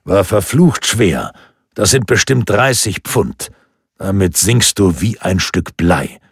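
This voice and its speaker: A burly, calm executioner with a low, gravelly voice, as a male narrator puts him on. He speaks slowly and drily in a storybook reading. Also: dry recording, studio quality, full character voice. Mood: calm gruff.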